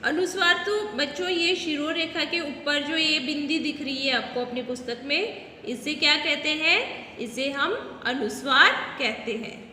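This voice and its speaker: Woman teacher for small children: high, bright voice, slow and patient, echoey room. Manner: patient, repeats words slowly and asks questions to the children. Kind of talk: slow classroom video lesson for young children. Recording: echoey room with long reverb and faint noise.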